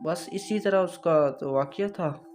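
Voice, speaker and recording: A man recounts a scary tale in a loose, chatty way, stumbling through fillers and calling his listener brother. His voice sits a little on the high side. Music plays clearly beneath him. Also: unhurried. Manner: rambling, many fillers, addresses listener as brother. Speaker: storyteller. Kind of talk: casual spoken horror storytelling.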